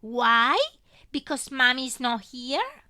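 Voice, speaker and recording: A woman voicing an excited little girl who chirps and shrills in a high, squealing voice. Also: slow, no echo, clean studio sound, exaggerated voice. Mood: chirpy.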